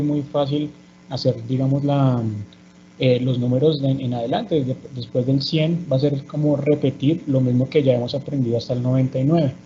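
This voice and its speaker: A man teaches English numbers in a bilingual class. He has a mellow, dark voice and explains patiently, often checking in with the students. The recording is dull and lo-fi, with a faint hum behind it. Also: medium pitch.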